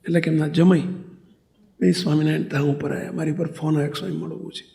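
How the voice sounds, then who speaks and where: A monk delivers a sermon as a story, close and intimate. His voice sits high for a man and carries a gravelly rasp. He slips into the people of his stories as he talks. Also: flat delivery, quick pace, warm tone. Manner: narrates intimately, acting out dialogue in higher voices.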